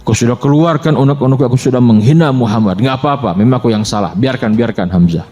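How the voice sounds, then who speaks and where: A man's voice: medium pitch, fast, dark tone, in a large hall, muffled recording, pitched below the performer's own voice, close to an everyday voice. A man voicing an arrogant man who grudgingly backs down, during sermon storytelling.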